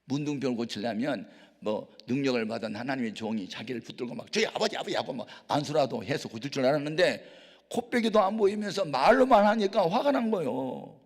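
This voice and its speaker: A man pastor preaching a sermon, telling the story dramatically with emphatic swings from low talk to shouts, at a prayer retreat hall. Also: animated, brisk. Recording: reverberant hall.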